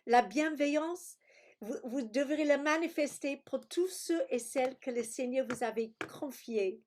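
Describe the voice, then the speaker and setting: Slow-spoken woman preaching over a video call. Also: high voice, a little mellow. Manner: slow, searching for words, exclaims alleluia. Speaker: pastor.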